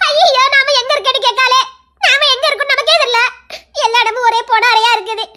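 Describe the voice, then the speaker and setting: A woman's voice: very high voice, steady tone, quick pace, sharp tone, a little hiss or hum. A woman voicing a frightened young woman who is trapped, tearful and pleading for help.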